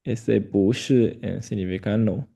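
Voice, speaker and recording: Slow, gravelly-voiced male Chinese tutor. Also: on the low side, fairly even intonation. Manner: slow, repeats phrases, gentle corrections. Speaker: Chinese teacher. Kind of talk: patient one-on-one language lesson.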